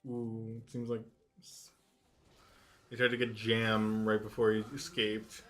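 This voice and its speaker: A man's voice: on the low side, monotone, a little slow, fairly bright tone, faint music behind. A man co-commentating live on a video game match in a casual, reactive way with lots of interjections. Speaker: esports co-commentator.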